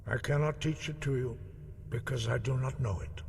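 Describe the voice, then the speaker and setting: An actor playing a solemn elder monk of a mountain order, speaking in a grave, measured, formal way. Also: male voice, mid-range voice, steady tone, vocal fry, a crowd in the background, lightly acted. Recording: long reverb over game music.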